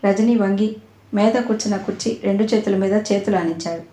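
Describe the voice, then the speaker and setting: Calm, mellow woman narrating a novel. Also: medium pitch, fairly quick. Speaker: audiobook narrator. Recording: roomy echo.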